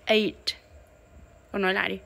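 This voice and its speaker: A woman's voice: medium pitch, level tone, normal speed, vocal fry, fairly bright tone. A mother coaching her child at home, patiently repeating and stressing sounds for pronunciation practice.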